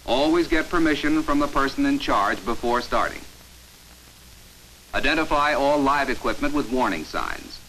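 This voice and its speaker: Animated and pushed, with a bright medium-pitched voice, an American announcer delivers scripted instructional narration for a 1950s training film, authoritative, measured and emphatic. The old film soundtrack is rough, with a little hiss or hum.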